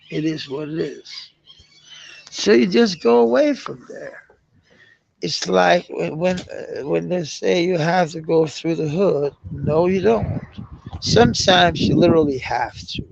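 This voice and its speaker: Gravelly Danish man, slow and profane. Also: fairly high pitch, muffled recording, slight background noise. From Denmark. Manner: rambling, profane, laughs often. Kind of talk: casual livestream chat.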